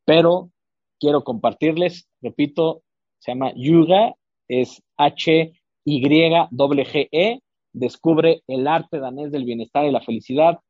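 A man's voice: on the high side, slow, no echo, dull audio. A man hosting a podcast, chatting casually about books with frequent fillers and restarts. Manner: hesitant, many fillers and restarts. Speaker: podcast host. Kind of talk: casual book-recommendation chat.

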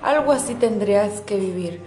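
A woman's voice: medium pitch, lively intonation, normal speed, darkish tone. A young woman with a Mexican accent talking casually and directly to her viewers, full of slang and swearing. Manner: slangy, swears freely, talks straight to the listener. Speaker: vlogger. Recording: roomy echo.

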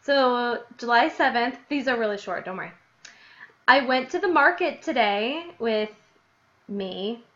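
Reading aloud from the diary she kept as a child, this young podcast host keeps things casual, animated and giggly, laughing often between passages. She speaks at a measured pace in a slightly high voice. Raised in Illinois and now living in New Jersey, she's heard through dull, lo-fi audio.

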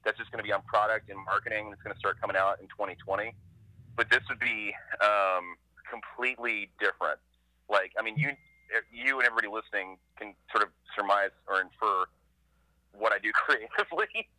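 Fast-talking bright-voiced man. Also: on the low side, no room sound, poor audio. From Ohio, USA. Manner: rapid, animated, heavy use of "like". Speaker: podcast guest, comic creator. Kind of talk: casual interview storytelling.

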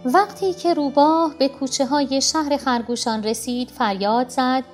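A woman narrating a children's story in an expressive storytelling manner. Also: high voice. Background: soft music.

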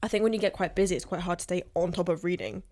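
A woman's voice: lowish voice, fairly even intonation, rapid-fire, warm tone. Chatty young woman, podcast co-host. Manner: chatty, laughs easily, lots of "like" fillers. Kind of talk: casual chat.

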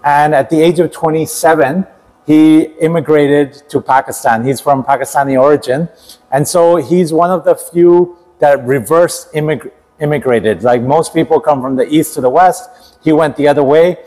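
A man hosts a podcast interview and introduces his guest. His voice sits a little higher than most men's. He talks conversationally and restarts his phrases now and then. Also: normal speed, darkish tone, poor audio. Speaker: podcast host.

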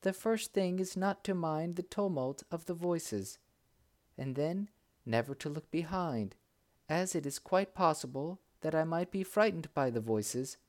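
A brave, determined young princess from a storybook, polite and resolute, her voice raised noticeably higher than the reader's own, as a male narrator puts her on. She speaks slowly and deliberately. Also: darkish tone.

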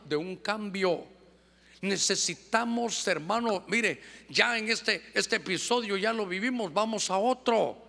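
A man preaching a sermon, exhorting his congregation fervently and acting out church members in quick asides. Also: high voice, creaky, pushed and bright. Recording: long hall reverb.

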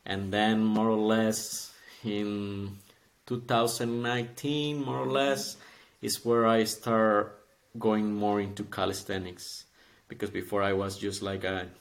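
Slow-paced and low-pitched with little pitch movement, this twenties-aged calisthenics athlete from Costa Rica speaks with a Costa Rican accent. He's a friendly podcast guest in a casual interview who laughs a lot.

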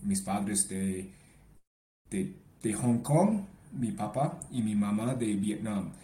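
Male podcast guest, native English speaker, Canadian accent in hesitant Spanish, low-pitched, unhurried, casual answers with slips. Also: lively intonation, dark tone, echoey room. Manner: halting, non-native Spanish with grammar slips.

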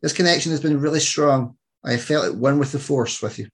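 A man from Scotland in his thirties hosts a podcast, chatting casually in an interview and telling stories in a rambling way with frequent restarts. His voice is on the high side, fairly quick, with a breathy edge.

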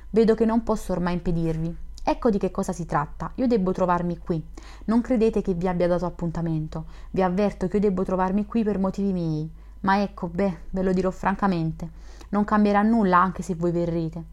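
A woman's voice: lowish voice, fairly quick, lightly acted. Woman reading as a teasing, mysterious young woman. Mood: frank. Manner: frank, gently teasing. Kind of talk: audiobook reading of a classic novel.

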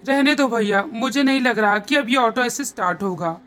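A woman's voice: on the high side, lively intonation, moderate pace, fairly bright tone. A woman doing a helpless male rickshaw driver.

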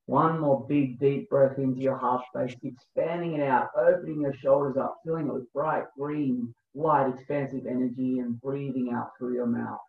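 Male meditation guide, mid-pitched, spaced instructional phrasing, thin roomy recording. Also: steady tone, gravelly. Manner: slow, spaced instructional phrasing when guiding. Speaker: breathwork coach, guest. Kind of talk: guided breathing meditation, then casual explanation. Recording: thin phone-like sound, roomy echo.

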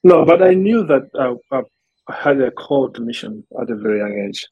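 A man from Malawi, a podcast guest telling his story in an earnest, measured way, often restarting his sentences. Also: mid-range voice, lively intonation, husky, dry recording, highs cut off. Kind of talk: interview conversation.

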